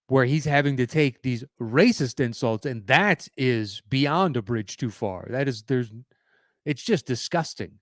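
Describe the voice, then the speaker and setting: A man's voice: medium pitch, no room sound, clean studio sound. A man hosting a podcast, giving opinionated solo commentary in a conversational way with fillers and restarts. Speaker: podcast host.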